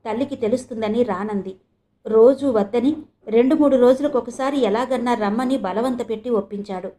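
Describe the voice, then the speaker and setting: A woman from coastal Andhra reads a serialized audio novel. Her voice is fairly high yet mellow and warm, and she tells the story in a steady, even way. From coastal Andhra, India. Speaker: audiobook narrator.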